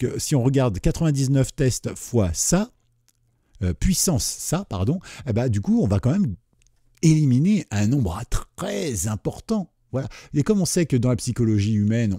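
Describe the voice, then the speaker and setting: A man's voice: mid-range voice, dark tone, no room sound, clean studio sound. A man with a French accent hosting a computer tutorial, explaining casually and checking in with the viewer often. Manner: chatty, checks in with "d'accord?" often.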